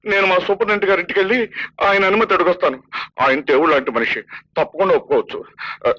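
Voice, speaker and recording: A man's voice: high-pitched, racing, pushed and bright. An actor playing a humble, kind-hearted prison constable who talks earnestly and deferentially to his boss, in a film drama with a dull, lo-fi soundtrack. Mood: soothing.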